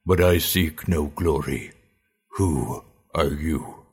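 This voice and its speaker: A man voicing a wary young male orc champion who speaks slowly and suspiciously. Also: rumbling low, husky, exaggerated voice. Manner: slow, suspicious, clipped.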